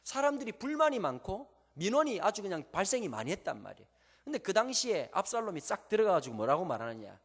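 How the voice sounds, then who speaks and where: A man's voice: high voice, very animated. A man with a Gyeongsang Korean accent preaching a sermon to a congregation, telling stories and asking them rhetorical questions. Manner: normally talks very fast, slowing down on purpose. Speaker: pastor. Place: church sanctuary before a congregation. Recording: long church hall reverb.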